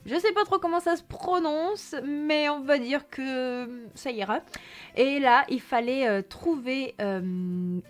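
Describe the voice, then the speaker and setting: A woman's voice: sits high, slow. A young woman presents her reading list in a chatty, enthusiastic vlog, with frequent fillers. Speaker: book vlogger. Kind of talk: casual book haul presentation.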